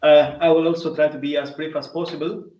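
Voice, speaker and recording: Male application engineer presenting over a video call; polite and halting, in a roomy, muffled room sound. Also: fairly high pitch, flat delivery, darkish tone, far from the mic. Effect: video call audio.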